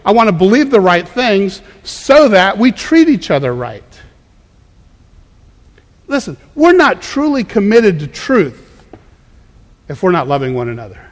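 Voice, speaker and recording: A man's voice: high voice, in a large hall. A man preaching a conversational sermon as a pastor, emphatic and prone to repeating words as he goes. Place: church.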